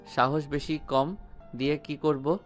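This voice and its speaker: A man's voice: on the high side, little pitch movement, takes it slowly, soft background music. A man voicing a cheeky young male student who teases his family playfully. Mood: teasing. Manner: playful teasing.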